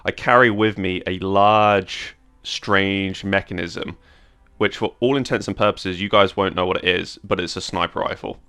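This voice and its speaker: A low-voiced man with a gravelly edge describes his tabletop character in a relaxed, casual way. His tone is bright and forward. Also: moderate pace. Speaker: player.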